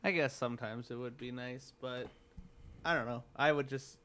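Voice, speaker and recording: A man's voice: medium pitch, fairly even intonation, normal speed, fairly bright tone. A man leading a casual tech news podcast. He chats loosely and hedges a lot, circling his points with fillers as he walks through the stories. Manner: chatty, hedging, lots of "like" and "I guess". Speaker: podcast co-host.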